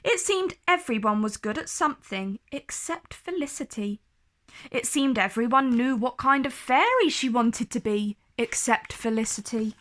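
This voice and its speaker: A woman with a fairly high voice reads a children's storybook aloud, narrating from a script in an expressive, deliberate way.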